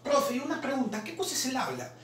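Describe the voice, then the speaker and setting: A teacher playing a puzzled student. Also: male voice, very high-pitched, big pitch swings, a little fast, a bit bright, voice pushed up, full character voice. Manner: questioning, insistent. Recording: roomy, distant mic, faint noise.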